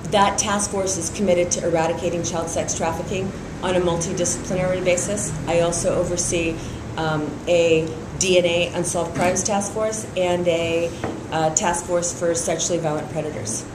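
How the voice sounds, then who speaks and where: Her voice sits on the low side, moving at a moderate pace with fairly even intonation and few pauses. She is a middle-aged Iranian-born woman raised in San Francisco, speaking steadily with frequent fillers as a district attorney candidate seeking an endorsement. The room is echoey and the background noisy.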